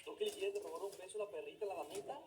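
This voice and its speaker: A man's voice: sits high, rapid-fire, loud music behind the voice. A Mexican man hosting a playful vlog about his dogs, putting on a mock-serious interviewer tone. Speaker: vlogger. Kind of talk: playful dog-dating vlog narration.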